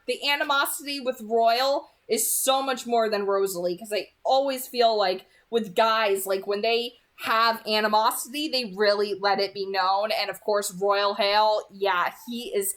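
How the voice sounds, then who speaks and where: Her voice is medium-pitched, slightly bright, and unhurried as she chats about a book for her read-aloud channel. The commentary wanders and turns emphatic, with phrases repeated for emphasis.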